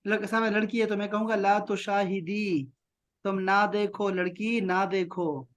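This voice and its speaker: A man from Pakistan teaching Arabic to children in an online lesson, patiently repeating short phrases slowly and praising often. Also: high-pitched, flat delivery, a bit bright. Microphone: video call.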